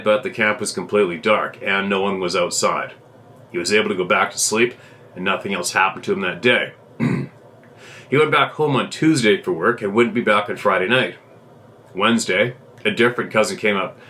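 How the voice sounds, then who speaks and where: A man hosting a show reads a viewer's submitted story out loud. His voice sits on the low side yet comes across bright and pointed. The delivery is steady and plain, with occasional restarts. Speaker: host reading a viewer's letter. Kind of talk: reading a submitted encounter story aloud.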